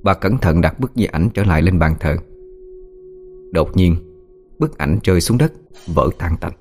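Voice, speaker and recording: A man reading a ghost story aloud in a slow, somber way. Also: low voice, lively intonation. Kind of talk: scripted horror story narration. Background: soft music with singing bowl.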